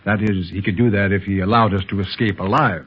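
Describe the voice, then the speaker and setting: In a muffled, scratchy 1930s radio recording, an actor voices a calm, protective American secret police agent in an adventure serial. His husky male voice sits on the low side and moves briskly, carrying earnest authority in a measured, cautious mood.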